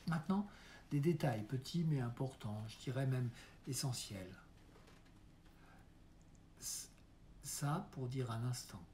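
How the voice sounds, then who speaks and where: A man voicing an aging theatre mime giving his son final advice, earnest and coaxing in a dramatic monologue reading. He speaks slowly in an unhurried, measured way. The tone is warm and mellow, and he often drops into soft, hushed asides. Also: mid-range voice, slight background noise, close to an everyday voice. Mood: coaxing mentor.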